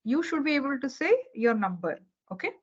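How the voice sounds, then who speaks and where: High-pitched, sing-song and husky, a woman moves at a brisk pace through a beginner programming lesson on a video call. She stays patient, repeats the key points and asks "okay?" or "right?" after almost every sentence, over dull lo-fi audio.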